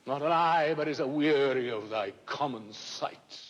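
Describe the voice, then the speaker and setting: A man playing an aging, weary English king who rebukes his son, speaking Shakespearean verse in a grave, measured way from an old film soundtrack. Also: mid-range voice, in a large hall, muffled recording, lightly acted. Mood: reproachful. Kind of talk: classical Shakespearean film acting.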